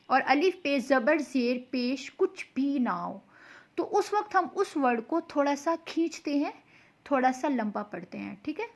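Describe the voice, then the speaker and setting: Woman, high-pitched, young adult, patient tajweed teacher, slow recited examples. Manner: patient and explanatory, often checks in with "okay".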